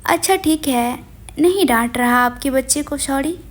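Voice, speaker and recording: A woman voicing an affectionate young husband in his twenties who speaks calmly and lovingly. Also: high-pitched, measured pace. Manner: calm and warm.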